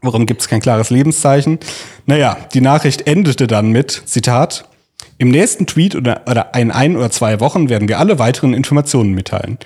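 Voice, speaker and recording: Speaking briskly and expressively, a man hosts a podcast and tells a story informally and colloquially, with quotes read aloud along the way. His mid-range voice is darkish and slightly rough.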